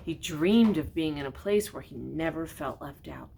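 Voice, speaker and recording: An older woman sits low in pitch and keeps a moderate pace as she reads a children's storybook with gentle expression, regularly questioning her young listeners directly. A slight hiss or hum is present.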